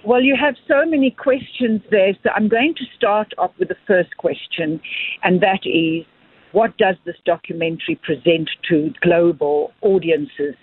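A South African woman filmmaker speaks over a tinny, dry phone line in a fairly low voice with a breathy edge, a little slow. Answering interview questions at length, she's earnest and expansive, often repeating words as she thinks.

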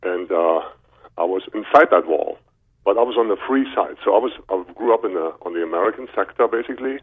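Calling in over a narrow, muffled phone line, a Berlin-born chiropractor in his fifties chats as an interview guest about his own life, his German accent clear. He speaks quickly in a low-pitched voice with lively intonation and a breathy edge.

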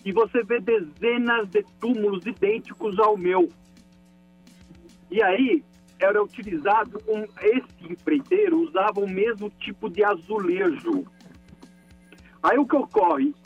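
High, husky man calling in by phone. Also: expressive, a little slow, soft background music. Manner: indignant, emphatic storytelling. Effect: over the phone. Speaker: caller. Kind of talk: call-in complaint. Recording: muffled phone line.

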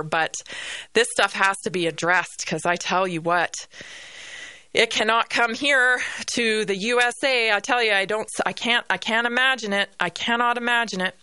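A woman's voice: mid-range voice, bright, forceful tone, clear, resonant tone, no echo. A Canadian-accented woman hosting a radio podcast, delivering an indignant opinion monologue and repeating phrases for emphasis.

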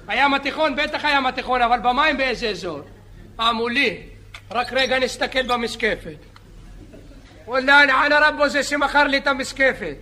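A man playing a boastful, chatty beach lifeguard who rambles, jokes and yells at bathers in a comedy sketch. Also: very high voice, exaggerated voice. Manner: rambling, joking, shouting at bathers. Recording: live audience laughter and noise. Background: audience laughing.

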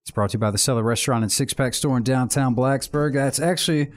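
A man's voice: medium pitch, fast talker. A man co-hosting a casual podcast chat, rambling and chatty, often breaking off mid-sentence. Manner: rambling, chatty, self-interrupting. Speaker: podcast co-host.

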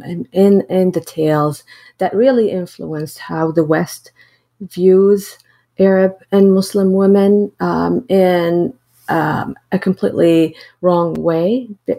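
A woman's voice: deep voice, creaky, mellow. A middle-aged woman from Syria, a professor, answering interview questions in a thoughtful, hesitant way with many fillers and restarts. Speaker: associate teaching professor.

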